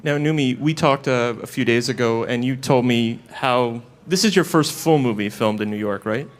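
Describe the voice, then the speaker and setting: A man's voice: mid-range voice, normal speed. A man interviewing film guests, introducing them in an upbeat, joking way. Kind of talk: press junket interview.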